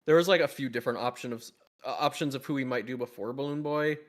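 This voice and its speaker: A man's voice: mid-range voice, fast talker. Guy hosting a q&a on a call, rambly, laughs a lot, totally average voice. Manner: rambling, laughs often, many restarts. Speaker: animation studio team member hosting Q&A. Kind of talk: casual group Q&A chat.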